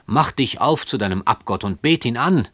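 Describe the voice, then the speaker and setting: A man's voice: medium pitch, expressive, normal speed, fairly bright tone, no echo, pitched above the performer's own voice. A man reading aloud voices a timid young man who pleads and whines. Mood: whining. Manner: pleading, whining. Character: timid, whining young man, a fearful cousin.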